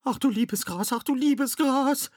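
A man voicing a panicky female sheep who squeals in a very high voice. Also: a little slow, no room sound, clean studio sound. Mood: squealing panic.

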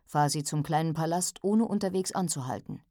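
Woman voicing a storybook villain, man, low voice, quiet menace, dry close sound. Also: a little fast, no echo, natural voice. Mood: commanding. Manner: low and hushed, commanding. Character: cold commanding powerful man, quiet menace.

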